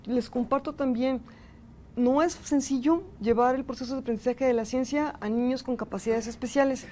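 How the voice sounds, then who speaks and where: A woman's voice: sits high, fairly even intonation, moderate pace, mellow, a little hiss or hum. A woman with a Mexican accent giving a university lecture and thanking participants earnestly. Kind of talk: university lecture with audience feedback.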